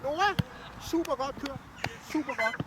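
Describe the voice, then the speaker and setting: A youth football coach shouts from the sideline in a very high voice, calling players by name, pushing them on and praising good play. The voice is caught by a distant camera mic on an outdoor pitch, with clear noise all around. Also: animated. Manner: calls out players' names, urging and praising. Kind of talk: sideline coaching during a match.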